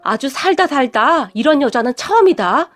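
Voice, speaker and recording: A woman's voice: high-pitched, sing-song, normal speed. Woman voicing a proud, weary middle-aged mother. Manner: sighing, stubborn, indignant.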